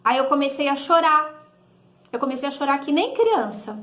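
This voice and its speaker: In a reverberant space, a woman with a Brazilian Portuguese accent recounts her personal story in a sing-song, high-pitched voice that's a bit bright, at normal speed. Her conversational telling replays exchanges with "he said, I said," sprinkles in "né?", and includes frequent self-corrections.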